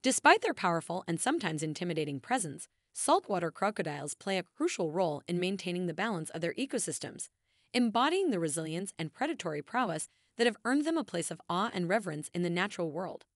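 A woman reading scripted nature documentary narration in a measured, formal, grandly emphatic way. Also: on the low side, big pitch swings, no echo, clean studio sound.

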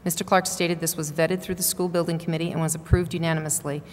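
A woman's voice: deep voice, little pitch movement, fast talker. A woman in her forties, a town councilor reading meeting minutes aloud at a desk microphone. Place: large indoor council chamber. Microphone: gooseneck desk microphone. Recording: echoey council chamber with noise.

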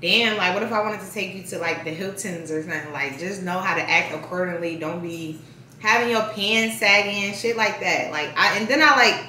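A woman's voice: lowish voice, normal speed, sharp tone, slight background noise. A young woman vlogger chatting casually while she eats, saying "like" constantly. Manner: chatty, heavy use of "like", talks while eating. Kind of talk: casual mukbang chat. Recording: echoey room, mic at a distance.

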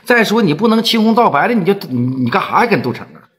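A man with a Northeastern Chinese accent voicing a tough, smooth-talking gang leader who speaks firmly and persuasively. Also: sits high, sing-song, fast, voice pushed up. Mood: pleading. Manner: firm, persuasive.

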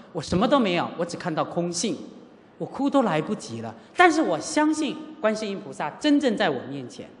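Middle-aged preacher, animated storytelling sermon, lively pitch, long hall reverb. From Taiwan. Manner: animated, acts out dialogue, asks the audience rhetorical questions. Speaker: Buddhist teacher giving a sutra lecture. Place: lecture hall at a Buddhist centre.

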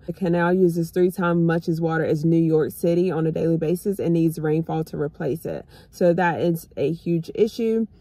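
A woman's voice: fairly low pitch, dark tone, no room sound. A woman in her thirties from the US, chatting casually to her viewers from a parked car, calling them y'all. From United States. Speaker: vlogger. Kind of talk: casual chat to camera. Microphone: phone camera on dashboard.

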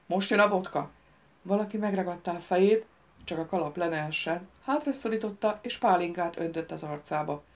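Woman, audiobook narrator, measured storytelling, lifts voice for dialogue. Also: on the low side, highs cut off. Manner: reads dialogue lines louder and livelier than narration.

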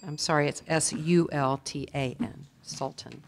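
A woman serving as a spelling bee pronouncer in a school auditorium, saying each word slowly and deliberately and reading out definitions. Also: deep voice, fairly even intonation, slight background noise. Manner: slow, deliberate, repeats each word clearly.

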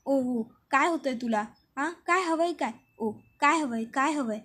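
A woman's voice: sits high, unhurried, fairly bright tone. A woman voicing a grief-stricken man, a widowed new father, pleading with frantic repetition. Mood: grieving, pleading.

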